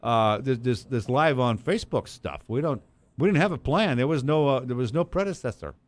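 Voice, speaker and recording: A man's voice: mid-range voice, lively intonation, fairly quick, no room sound. A man hosting a casual talk radio show, bantering and joking with his guests. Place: studio broadcast streamed live.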